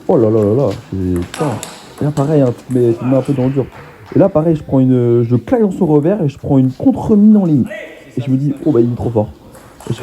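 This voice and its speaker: A young man talking over his own table tennis match, excitable and self-mocking. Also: medium pitch, a little hiss or hum. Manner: excitable, self-mocking, laughs often, swears casually. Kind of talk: casual match commentary voice-over.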